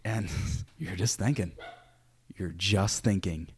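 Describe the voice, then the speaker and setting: A man's voice: deep voice, slow, slight background noise. A young man hosting a casual podcast, joking and chiming in with quips. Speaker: podcast host. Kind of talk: casual chat.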